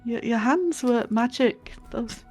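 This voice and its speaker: A woman playing a tabletop game, playful and slow, often dropping to a half-whisper. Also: a little high, animated, music in the background. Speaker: player.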